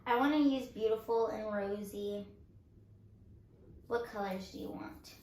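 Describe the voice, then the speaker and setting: A woman's voice: medium pitch, measured pace, a little mellow, reverberant. A woman co-hosting a casual chat while doing makeup, giggling often. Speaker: co-host.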